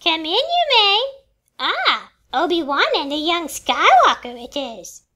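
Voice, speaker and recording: A performer playing a small, wise old alien master in a family radio play, speaking deliberately with inverted word order. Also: very high voice, very animated, pushed and bright, full character voice. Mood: kindly.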